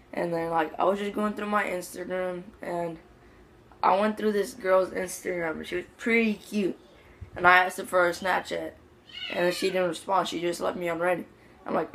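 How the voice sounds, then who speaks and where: A man's voice: sits high, gravelly, a bit bright. A teenage boy vlogging casually into his phone, telling a story in rambling slang full of "like". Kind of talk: casual story time vlog. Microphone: phone mic.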